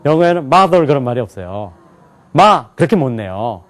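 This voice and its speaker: Male lecturer, lively rising and falling delivery, quizzes the room. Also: mid-range voice, fairly quick. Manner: animated, asks the class questions and answers them himself. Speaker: English teacher. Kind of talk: lecture to a live class.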